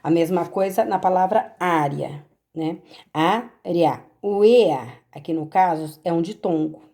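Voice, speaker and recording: A woman's voice: lowish voice, measured pace, warm tone. A Brazilian woman teacher patiently going over homework corrections, explaining step by step and checking in with her pupils. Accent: Brazilian Portuguese.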